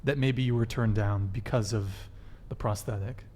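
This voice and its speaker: A man hosting a livestream dating talk show, playful and animated, often restarting his questions. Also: fairly low pitch, moderate pace. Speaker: host.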